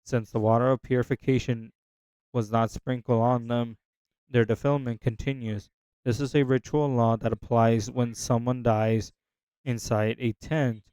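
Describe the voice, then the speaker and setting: Halting man reading scripture aloud. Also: medium pitch, level tone, darkish tone, smooth, no room sound, low-quality recording. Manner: halting, stumbling over words and restarting lines; unsure of hard names, pauses to check pronunciation. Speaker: scripture reader. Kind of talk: casual unscripted Bible reading.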